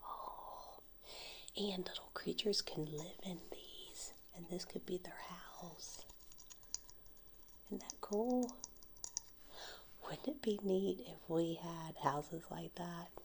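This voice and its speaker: A middle-aged woman speaks in a soft ASMR whisper, gentle and unhurried. Her voice sits low, and steady clicks and taps run noticeably behind it. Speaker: ASMR creator. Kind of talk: ASMR storytime and rambling. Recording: noisy, with constant clicking and tapping. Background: tapping and clicking on seashells.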